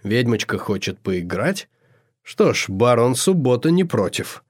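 A man voicing a devil in human form who speaks low and hushed. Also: very animated, unhurried, no echo, studio quality.

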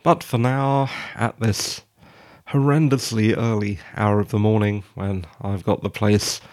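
A British man with a croaky, just-woken froggy voice, hosting a solo podcast in an informal but wordy, wry, measured way from a quiet study at home. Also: lowish voice, fairly even intonation. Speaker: podcast host.

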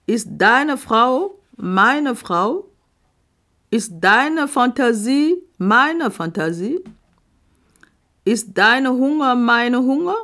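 Reading her own reflective poetry in a deliberate spoken-word style, a woman leaves long pauses between short phrases. Her voice is a little high and a bit bright, and she recorded the audio herself.

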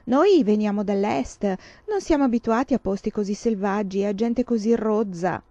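A woman's voice: mid-range voice, normal speed, mellow, no echo, natural voice. A woman voicing a vain, snobbish teenage girl who speaks with a haughty, disdainful drawl. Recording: slightly dull, dry recording.

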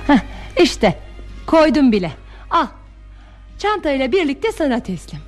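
A young actress playing a calm, playfully confident daughter in a classic radio play. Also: female voice, high voice, a little slow, faint music behind. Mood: calm, teasing. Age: young adult. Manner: calm, teasing, self-assured. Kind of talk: 1960s Turkish radio theatre acting.

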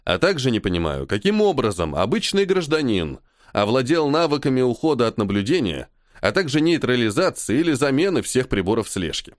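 A man's voice: mid-range voice, sing-song, a little fast, no echo, clean studio sound, natural voice. A man reading an audiobook and voicing a gloomy, stubborn army major who answers his superior with barbed sarcasm. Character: stubborn, caustic male army major, subordinate officer. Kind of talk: audiobook character voice.

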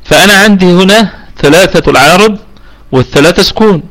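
Egyptian man teaching tajweed, a bit high. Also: fairly bright tone, low-quality recording. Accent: Egyptian Arabic. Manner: patient, explaining step by step, checks understanding; slows down to demonstrate pronunciation. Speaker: Quran recitation teacher. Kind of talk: live online tajweed lesson. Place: home room over online voice chat.

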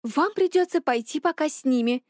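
A woman doing a fretful little man, high and wailing. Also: animated, a little fast, a little mellow, no echo, clean studio sound. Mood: gloomy. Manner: wailing, breathless, flustered.

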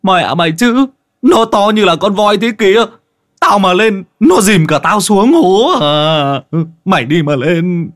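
A man voicing a crude, cowardly old sorcerer with a scar, who shouts his refusals. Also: high-pitched, animated, a little slow, pitched above the performer's own voice. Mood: angry refusal.

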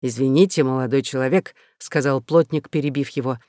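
A man's voice: mid-range voice, fairly quick, mellow, no room sound, studio quality, close to an everyday voice. A man reading a novel aloud, voicing a blunt, proud old peasant carpenter. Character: old peasant carpenter Jean, gruff and hearty.

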